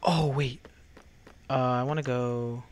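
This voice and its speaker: A young man in casual gaming voice chat, bossy and swearing, often shouting at his teammates. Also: medium pitch, steady tone, slow pace. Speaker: gamer.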